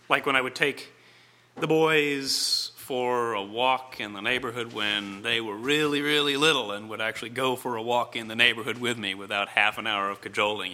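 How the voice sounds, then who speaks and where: A middle-aged man delivering a reflective sermon, speaking in deliberate, measured phrases with dramatic pauses. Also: on the low side, sharp tone. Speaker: preacher.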